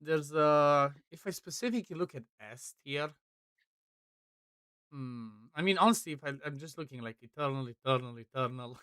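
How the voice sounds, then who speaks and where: A man chats casually on a live game stream, rambling from one thought to the next with quick asides. His voice sits a bit high and comes across smooth and clear. The sound is dry and close, with no room around it. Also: sharp tone, no echo. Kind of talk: casual chat while gaming.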